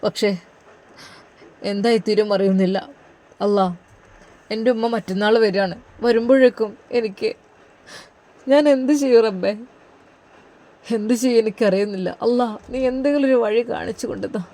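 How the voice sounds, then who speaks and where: A narrator voicing a worried, pious young husband, pleading in earnest prayers. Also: male voice, sits high, normal speed, pauses often, mellow. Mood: anxious. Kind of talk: storybook narration, inner monologue.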